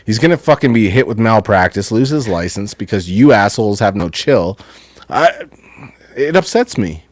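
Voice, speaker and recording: Laid-back low-voiced Canadian man. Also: big pitch swings, normal speed, no room sound. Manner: loose, laid-back, swearing freely. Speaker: co-host. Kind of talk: casual live-stream chat.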